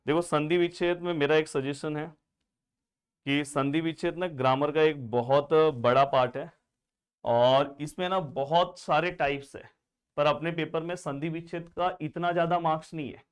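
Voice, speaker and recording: A man's voice: a little high, fairly even intonation, moderate pace, clean tone. A man teaching grammar for board exams in a chatty way. He keeps calling the students friends and asks and answers his own imagined student questions. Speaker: Hindi grammar tutor. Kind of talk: exam-prep lesson.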